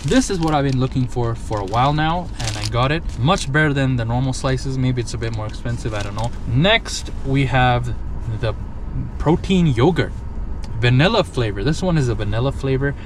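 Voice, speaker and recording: Young male vlogger, chatty and excitable, mid pitch, handheld camera, noisy background. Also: normal speed. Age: young adult. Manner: chatty, excitable, casual slang. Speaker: fitness vlogger. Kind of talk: casual vlog chat to camera. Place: grocery store, then parked car at night. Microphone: handheld camera at arm's length.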